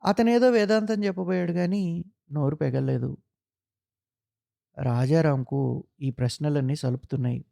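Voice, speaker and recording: A man reading a literary short story aloud in a measured, solemn narration. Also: fairly high pitch, gravelly, mellow, dry recording, clean studio sound.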